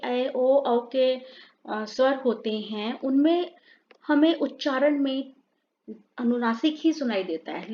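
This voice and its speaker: Woman teacher, unhurried and deliberate, reads word lists for a class, muffled lo-fi sound. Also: high voice. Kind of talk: grammar lesson for students. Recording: dull lo-fi sound.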